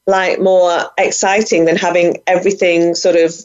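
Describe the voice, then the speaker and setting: A woman's voice: fairly low pitch, flat delivery, normal speed, a little mellow. A middle-aged woman talking enthusiastically as an interview guest about budgeting, with plenty of fillers. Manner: enthusiastic, chatty, many fillers. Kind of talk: casual interview talk. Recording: dull lo-fi audio.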